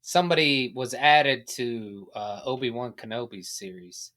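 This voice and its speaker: A man with a mid-range voice chatting on a podcast. He speaks in a measured, matter-of-fact way, offering short opinions. The talk is unscripted and relaxed. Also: mid-range voice. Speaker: podcast co-host. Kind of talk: casual chat.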